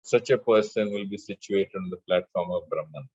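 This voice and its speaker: Man, spiritual teacher, low voice, dry close sound, slow measured delivery, chants verses. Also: darkish tone, slightly rough, dry recording, highs cut off. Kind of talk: spiritual discourse with scripture recitation.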